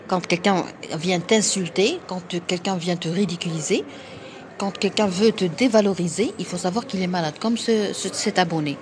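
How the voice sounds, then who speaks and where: A woman's voice: lowish voice, slight background noise. Emphatic Moroccan woman on a live stream. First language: Arabic. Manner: emphatic, forceful, repetitive. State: a bit tired. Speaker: doctor hosting a live stream. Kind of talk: live-stream talk to viewers.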